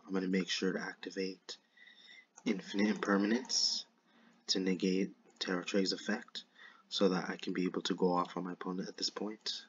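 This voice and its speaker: Casual male gaming YouTuber, slushy lisp, monotone delivery, dull dry recording. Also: low voice, slight background noise. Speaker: YouTuber narrating a card game replay. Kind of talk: casual gameplay commentary. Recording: dull lo-fi microphone.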